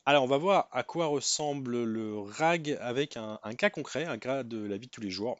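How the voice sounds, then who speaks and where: A man's voice: mid-range voice, moderate pace, dry recording, highs cut off. A man giving a casual webinar lecture, talking to a student in a conversational way with many fillers and restarts.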